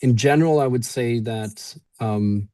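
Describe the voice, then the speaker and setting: A Swedish man with no clear accent, an event organizer, speaks on a webinar panel in a mid-range voice at a measured pace. He's relaxed and friendly, with many fillers.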